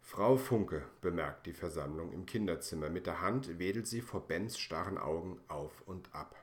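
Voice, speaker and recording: A man reading a children's story aloud, calm and measured with gentle expression. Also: low-pitched.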